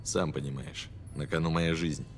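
A low-voiced, hard-bitten mercenary from a video game. He talks curtly and dryly, as if giving orders. Music is clearly heard behind him. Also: steady tone, normal speed. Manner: dry, curt. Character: hard-bitten, dry, commanding male mercenary. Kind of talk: video game voice acting, Russian dub.

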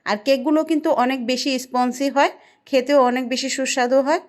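Fast, high-voiced woman explaining a recipe. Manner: steady, instructive, step-by-step. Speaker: cooking channel host. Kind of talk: scripted recipe voice-over.

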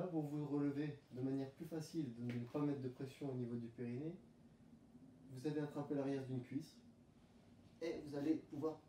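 A man leading a home pilates class, calmly calling out breathing cues and movements. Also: medium pitch, slight background noise. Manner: calm coaching cues, breath counting. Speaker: pilates instructor. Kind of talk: guided workout instruction. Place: room at home. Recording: roomy, distant camera mic.

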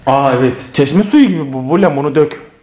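A man's voice: on the high side, fairly quick, noisy background. A man talking to viewers in a casual family vlog, playful and often laughing. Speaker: family vlogger.

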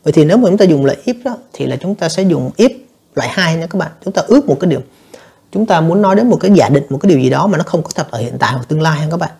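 A male teacher walks students through an exam review lesson. His voice is husky and a bit gravelly, and he speaks fast. He keeps explaining and turning to his listeners as he goes. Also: on the high side, lively intonation, darkish tone. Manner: explanatory, addresses students repeatedly, frequent fillers. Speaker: English teacher.

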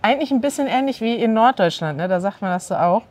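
Speaking fast in a slightly high voice, a thirty-something woman from northern Germany teaches a standard German lesson, animatedly and clearly prompting her guest to say words back. The recording is made outdoors in a courtyard next to an ivy-covered wall.

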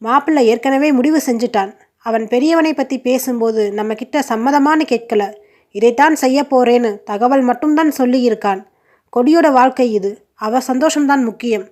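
Brief: woman reading a calm, gentle middle-aged father, measured, high voice. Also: close to an everyday voice.

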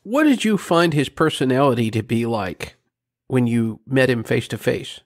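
A man's voice: mid-range voice, very animated, normal speed. A man hosting an interview, asking curious questions. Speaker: podcast host.

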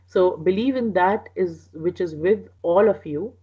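A woman's voice: on the low side, unhurried, slightly rough, highs cut off. A woman teaching a lesson on word meanings, explaining patiently with frequent fillers and restarts. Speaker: Quranic Arabic teacher.

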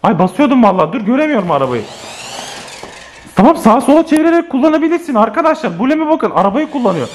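A man's voice: very high-pitched, quick pace, slight background noise. A man filming a family vlog at home, exclaiming and calling out to his viewers as he plays. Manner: exclaiming, lively, addressing viewers. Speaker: family vlogger. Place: home living room.

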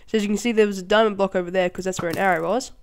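Excitable chatty game tutorial host. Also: medium pitch. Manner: excitable, quick to laugh and exclaim; chatty, rambling with fillers. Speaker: channel host. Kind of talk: casual game tutorial commentary.

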